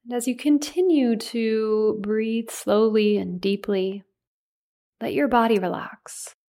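A woman leading a guided meditation in a soothing, unhurried way, leaving gentle pauses between phrases. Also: fairly high pitch, fairly even intonation.

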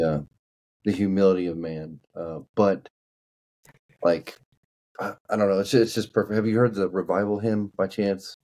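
A man from Kentucky, United States, with a deep, dark voice and a Kentucky accent speaks casually as a podcast guest. He often repeats and restarts words as he searches for them.

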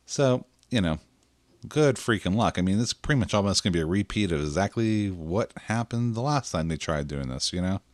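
A man's voice: deep voice, a little fast, dry recording. A man co-hosting a podcast, chatting casually with many fillers. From Pittsburgh area. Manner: relaxed, chatty, lots of fillers. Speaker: podcast co-host. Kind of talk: casual chat.

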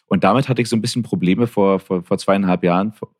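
Reflective Berlin man, low voice. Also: a little mellow. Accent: Berlin German. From Berlin, Germany. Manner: reflective, halting, many restarts and fillers. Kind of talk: casual conversation.

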